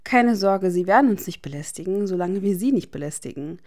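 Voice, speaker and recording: A woman's voice: medium pitch, expressive, a little fast, a little mellow, close to an everyday voice. Woman reading a cocky, cheerful teen wizard boy for an audiobook, playful and easygoing.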